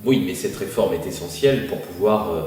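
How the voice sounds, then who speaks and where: A man's voice: low-pitched, fairly quick, darkish tone, recorded from a distance, faint music behind, close to an everyday voice. An actor playing a polite, hesitant male interviewer who stammers often, recorded in an echoey room away from the mic. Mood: earnest. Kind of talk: parody web-series interview acting.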